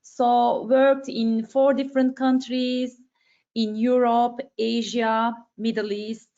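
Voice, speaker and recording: A woman introducing herself as a webinar panelist, relaxed and full of fillers, on a video call. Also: on the high side, slow. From Turkey. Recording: dull lo-fi call audio.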